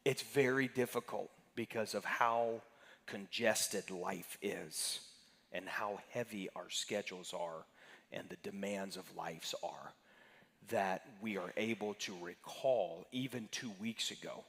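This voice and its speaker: Pastor guy teaching sunday class, kinda low voice, chatty, asks folks questions, big echoey church hall. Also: slow pace, gravelly, fairly bright tone. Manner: conversational, questions the congregation by name. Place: church sanctuary. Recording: reverberant sanctuary hall.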